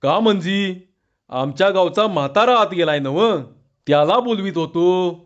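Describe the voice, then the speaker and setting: A man reading a story aloud, voicing a rural villager who calls after an old man from his village in long, drawn-out shouts. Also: sits high, animated, dull audio. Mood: plain, earnest.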